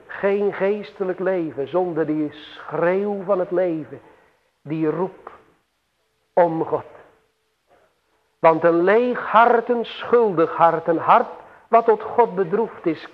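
Male preacher, unhurried and solemn, echoing church-hall reverb. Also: sits high. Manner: slow, solemn preaching with emphatic swells and long pauses. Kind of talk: sermon. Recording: tinny phone-like radio broadcast with long hall reverb.

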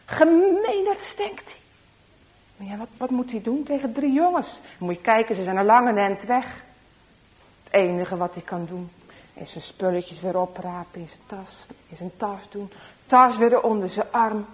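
A woman telling a story to children, expressive and sometimes dropping to a hushed whisper for suspense. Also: medium pitch, moderate pace. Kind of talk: children's story read-aloud.

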